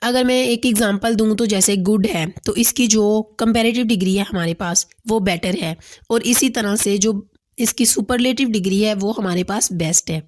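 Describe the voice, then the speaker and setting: A woman's voice: medium pitch, moderate pace, a little mellow. A woman teaching English grammar in a voice-over lesson, explaining step by step and repeating each point, with English terms mixed into her sentences.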